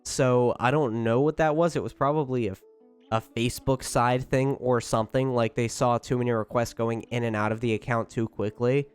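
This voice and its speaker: A man's voice: mid-range voice, fairly even intonation, normal speed, clear, resonant tone. A man hosting a casual livestream, rambling on chattily and informally to his chat. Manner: rambling, chatty, keeps talking; informal, with swearing. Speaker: livestream host talking to chat. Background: music.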